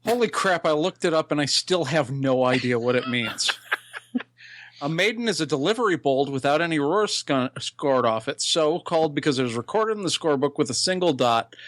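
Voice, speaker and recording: A man's voice: on the high side, animated, fairly quick, fairly bright tone, no room sound, clean studio sound. A man co-hosting a podcast, dryly correcting the others' facts in casual banter. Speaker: podcast co-host.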